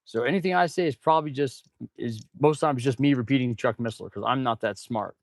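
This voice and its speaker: Male livestream host, mechanic type. Low, creaky voice, stuffed-up nose, audible mouth breathing, informal rambling delivery, close dry sound. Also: fairly quick, no echo. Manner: rambling, informal, addresses viewers as "man" and "guys". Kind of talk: casual livestream chat while working.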